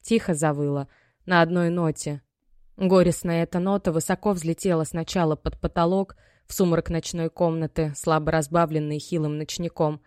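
Woman, audiobook narrator, measured descriptive reading, dry close recording. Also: lowish voice, a little mellow, no room sound.

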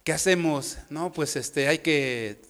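A preacher doing a bunch of scheming little devils, talking slow and hesitant, a bit high. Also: male voice, a bit bright. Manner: offhand, hesitant plotting chatter.

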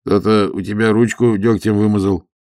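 A pompous, officious monk of about forty who lectures and declaims in a churchy tone, as a male narrator puts him on. The voice stays low and gravelly. It is recorded close and dry, like an audiobook. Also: level tone, moderate pace, darkish tone, no echo, lightly acted. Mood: instructive.

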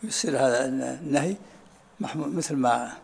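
A man teaching a study circle as sheikh, explaining texts at an unhurried pace and often asking students to repeat what they said. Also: medium pitch, gravelly, slightly rough. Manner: unhurried, often asks "ha?" to have things repeated. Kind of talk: lesson commentary with questions and answers.

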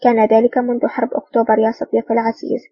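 Woman voicing a confident male spy officer, husky and dry, taped from a distance. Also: fairly high pitch, completely flat delivery, rapid-fire, dry recording. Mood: calm. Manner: assured, self-possessed. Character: confident male army officer, calm and sly. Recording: dull distant dry recording.

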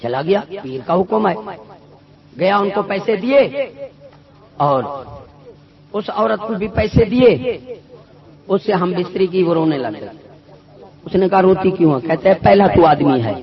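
A man preaching a sermon full of stories, emphatic and swinging between loud and soft. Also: sits high, lively intonation, pauses often. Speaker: Sufi preacher. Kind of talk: sermon with storytelling. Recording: dull lo-fi recording with a loud crowd.

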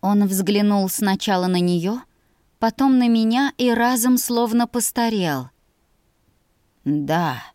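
A woman's voice: a little high, a little slow, darkish tone, clear, resonant tone, no echo. Woman reading an audiobook, dry and close. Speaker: audiobook narrator. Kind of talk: scripted first-person narration.

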